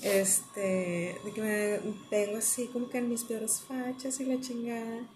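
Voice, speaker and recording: A young woman with a Mexican accent, chatting casually and telling lively, slangy stories as a podcast co-host. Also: fairly high pitch, unhurried, background noise. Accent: Mexican Spanish. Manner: animated, slangy, acts out quotes. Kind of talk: casual storytelling chat.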